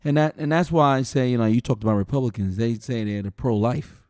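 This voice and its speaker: A middle-aged man co-hosting a podcast, chatting casually and with opinions, laughing often and thinking out loud with restarts. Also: medium pitch, a little fast, dry recording, clean studio sound. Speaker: podcast co-host.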